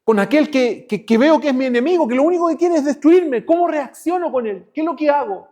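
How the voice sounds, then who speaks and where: A man preaching a sermon as pastor, moving between raised, emphatic lines and hushed ones. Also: extremely high pitch, animated, fairly quick.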